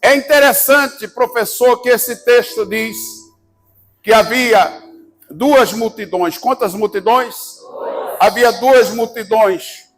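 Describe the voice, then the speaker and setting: Very high-voiced fervent Brazilian preacher. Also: male voice, slow, soft background music, low-quality recording. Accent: Brazilian Portuguese. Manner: fervent shouting preacher, call-and-response. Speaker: pastor. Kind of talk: sermon. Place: church service.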